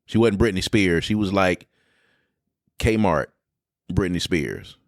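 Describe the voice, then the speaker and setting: A man co-hosting a podcast in casual chat, animated and blunt with his opinions. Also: low voice, slow, no room sound, studio quality. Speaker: podcast co-host.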